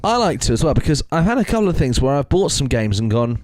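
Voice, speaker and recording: Laid-back man, lively pitch. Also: quick pace, no echo. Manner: laid-back, laughing, swearing freely. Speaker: podcast co-host. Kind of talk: casual chat.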